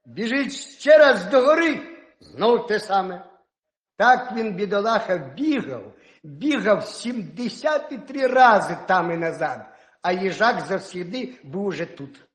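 A man telling a folk tale to children in an animated, expressive storytelling voice. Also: sits high, a little slow, reverberant.

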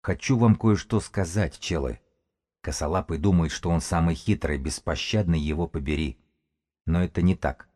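A man voicing a sly, rat-like male gang member who talks in a hushed, hissing way. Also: low-pitched, moderate pace.

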